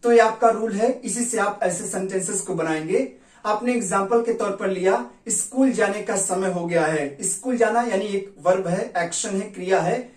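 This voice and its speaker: Woman, English teacher, lesson in Hindi, slow deliberate repeated examples, echoey room. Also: medium pitch, a little mellow. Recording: roomy echo, distant mic.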